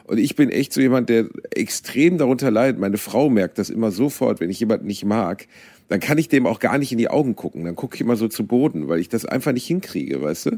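A man's voice: mid-range voice, lively intonation, fast, a little mellow, no echo. A man co-hosting a comedy podcast who tells stories animatedly and acts out both sides of a quarrel. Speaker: podcast co-host. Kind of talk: casual comedy chat, storytelling.

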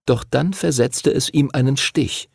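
A man narrating an audiobook in an expressive storytelling manner. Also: mid-range voice, unhurried, creaky, breathy edge, no echo, clean studio sound.

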